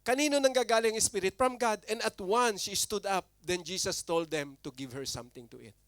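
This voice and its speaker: A man preaching a sermon as pastor, animated, with big swings between loud and soft. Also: sits high, normal speed, no echo.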